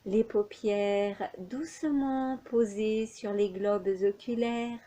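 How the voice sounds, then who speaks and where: This is a woman guiding a yoga nidra relaxation as the instructor. At a medium pitch, she gives measured, soothing, calm directions and lets long pauses fall between them.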